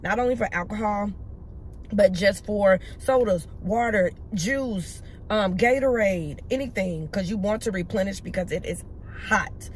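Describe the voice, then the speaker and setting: A young woman who makes lifestyle vlogs chats casually to the camera, first at home and then while shopping in a store. Her mid-range voice is a little slow and easily talkative, she calls her viewers "y'all," and a slight hum sits in the background.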